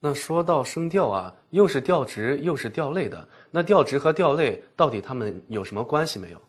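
A man's voice: medium pitch, big pitch swings, slightly rough. Man asking questions in a lesson. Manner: measured, asks questions and summarizes. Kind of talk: scripted teaching dialogue.

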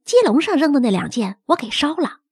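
A woman's voice: high-pitched, sing-song, fairly quick, darkish tone, no echo, studio quality. A woman doing a fretful, gossipy old nanny. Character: chatty superstitious older nanny woman. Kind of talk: audiobook character reading.

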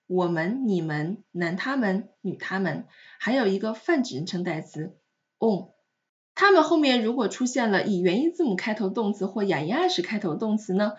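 A woman teaching French in a recorded lesson, explaining patiently and repeating example words slowly. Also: medium pitch, muffled recording.

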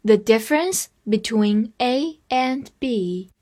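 Slow, measured woman teaching vocabulary. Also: a little high, expressive, a little mellow. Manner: slow, spells words letter by letter. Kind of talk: scripted vocabulary lesson.

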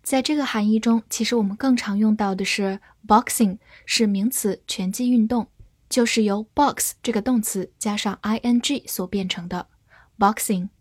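A woman giving a scripted English vocabulary lesson, spelling words letter by letter and reading example sentences slowly and carefully. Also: medium pitch, husky, dry recording, clean studio sound. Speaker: English teacher.

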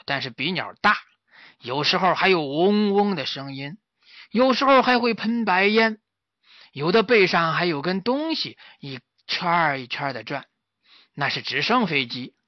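A man playing a grumpy old kung fu master from a storybook, lecturing slowly and getting exasperated. The voice swings lively in pitch over a dry, slightly muffled recording. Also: no room sound. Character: grumpy, impatient old male martial arts master.

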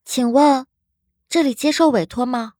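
A male narrator voicing a playful young woman with a crisp, sweet voice in an audiobook. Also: very high voice, measured pace, mellow, no room sound, clean studio sound, pitched above the performer's own voice.

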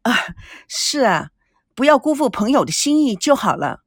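A flustered, sharp-tongued young woman, as a narrator plays her in a storybook, quick to scold and snap back. Her pitch leaps high and low, and the recording is dry and close. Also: sing-song, husky, no room sound, heavily acted.

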